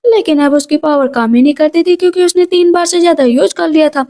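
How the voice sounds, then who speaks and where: A woman's voice: high voice, warm tone. A woman narrating a drama recap in a casual storytelling way, quoting the characters as she goes. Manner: retells scenes briskly, quoting characters' lines in plain voice.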